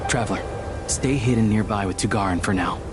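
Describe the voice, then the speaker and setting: An actor playing a sly, unflappable outlaw hunter in a video game, with a wry, nonchalant, conversational delivery. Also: male voice, fairly low pitch, brisk, noisy background, lightly acted. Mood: calm, focused. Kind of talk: scripted video game voice acting. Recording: music behind the voice. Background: music.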